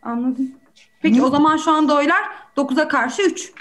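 A woman's voice: high-pitched, a little fast, a bit bright. A woman playing a hesitant juror over a video call. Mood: doubtful. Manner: hesitant, questioning.

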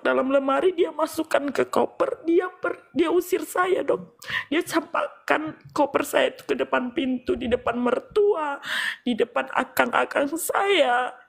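A woman's voice: high-pitched, measured pace, vocal fry. A young woman telling a doctor her painful story, tearful and pleading. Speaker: patient. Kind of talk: emotional personal account.

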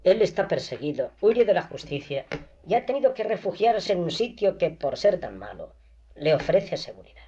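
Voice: medium pitch, sing-song, normal speed, dark tone. A reader voicing a desperate, proud young woman in poverty, pleading and agitated, in an audiobook reading on a dull lo-fi recording.

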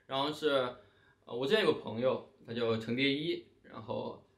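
A man's voice: mid-range voice, moderate pace, creaky. A man, casually explaining things step by step in an interview and repeating phrases. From China. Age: 20s. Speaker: professional gamer, interviewee. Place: hotel room at night, indoors. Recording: echoey indoor room.

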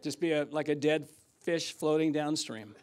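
An older man preaching a sermon in a church, telling stories and swinging from loud outbursts to hushed asides. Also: on the high side, normal speed. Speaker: guest preacher. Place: church sanctuary.

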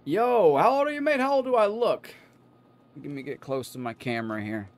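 Lively excitable man streaming a fighting game. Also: fairly high pitch, normal speed. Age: 30s. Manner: excitable, shouts out to chat, swears casually. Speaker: gaming streamer. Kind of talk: live-stream commentary while playing. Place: home streaming room. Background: loud game music and fight sounds.

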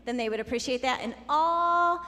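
A woman giving a children's sermon, playful and chatty as she talks straight to the kids. Her voice sits high and bright. It trails off in the long reverb of a church sanctuary. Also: normal speed. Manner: playful, conversational, talking to kids. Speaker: children's message leader.

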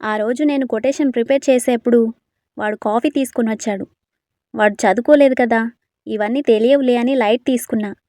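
A woman voicing a calm, loyal male friend who explains and reassures. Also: fairly high pitch, brisk, no echo, studio quality, close to an everyday voice. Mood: explaining.

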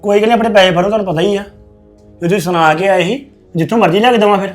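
A man's voice: sits high, racing, soft background music, lightly acted. A man plays a grown son who insistently argues back at his mother. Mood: arguing. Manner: argumentative, insistent. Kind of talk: family web series acting.

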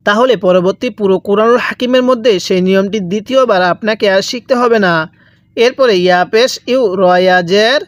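A man teaching Quran reading, spelling syllables out slowly and asking then answering his own questions. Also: high-pitched, dry recording, lo-fi sound. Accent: Bangladeshi Bengali. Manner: drills letter by letter, asks and answers own questions. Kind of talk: slow spelled-out recitation lesson.

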